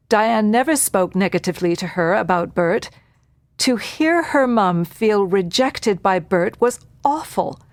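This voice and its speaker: A woman narrating a documentary at a measured, reflective pace. Her pitch sits in a middle range, and the sound is dry and close to the mic. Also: no echo.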